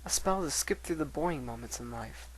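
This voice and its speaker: Bookish, scatterbrained lady unicorn read by a man, higher male register, earnest storytelling from a letter. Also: lively intonation, a little fast, a little hiss or hum, lightly acted, low-quality recording. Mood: confiding, wistful. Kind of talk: dramatic reading of letters.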